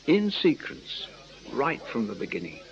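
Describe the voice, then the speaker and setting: An actor with a mid-range voice and wildly swooping pitch plays a canny former music-hall memory man in a radio crime drama. He sounds coaxing, teasing, and deliberate, slyly patient throughout, in a muffled recording.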